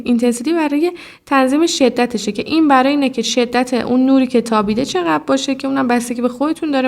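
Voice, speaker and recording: A woman's voice: fairly high pitch, a little mellow. Woman explaining a phone editing tutorial. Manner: explanatory, addresses viewer directly, frequent "look". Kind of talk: step-by-step screen tutorial.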